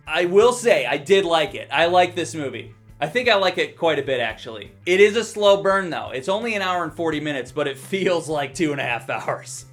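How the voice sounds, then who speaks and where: A man's voice: fairly high pitch, a bit bright. A man giving a casual movie review for his vlog, wry and joking, with casual swearing.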